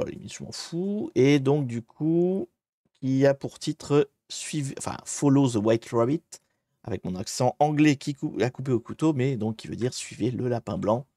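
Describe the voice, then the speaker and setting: While tackling a hacking challenge on a live stream, a man keeps up rambling, casual commentary and often stops to correct himself partway through sentences. He has a medium pitch, a dark tone, and there's no echo.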